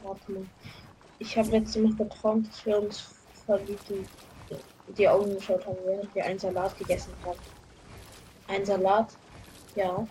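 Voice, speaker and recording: A woman's voice: mid-range voice, little pitch movement, normal speed, pauses often, warm tone, slight background noise, rough recording. A woman on a live stream reading jokes from the internet aloud and calling them illogical. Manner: reads jokes from her screen, mocks them as illogical.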